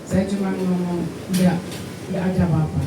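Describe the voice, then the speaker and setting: Standing before the congregation in an echoey church hall, recorded from far away with background noise, a middle-aged woman gives her testimony. She tells her personal story directly to them in a lowish, fairly even voice and at a brisk pace.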